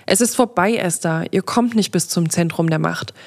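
A woman's voice: lowish voice, moderate pace, lightly acted. Woman reading a young guy wizard, earnest, firm, storybook podcast. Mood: urging. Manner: firm and pleading.

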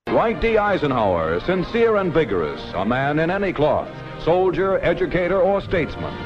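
A man's voice: fairly high pitch, sing-song, moderate pace. A man narrating an old newsreel in a grand, declamatory announcer's manner. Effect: old newsreel recording. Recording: muffled old newsreel audio with music.

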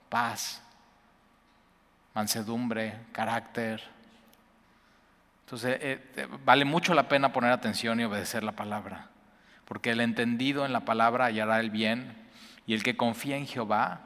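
A man preaching an earnest sermon, repeating words and rising in pitch to stress his points. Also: a bit bright. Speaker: pastor. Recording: long hall reverb.

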